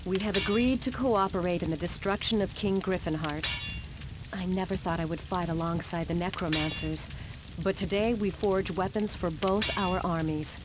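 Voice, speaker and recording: An actress playing a grave, resolute warrior queen weary of war, narrating a game cutscene in a solemn, measured, regal manner. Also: fairly low pitch, background noise, lightly acted. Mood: weary resolve.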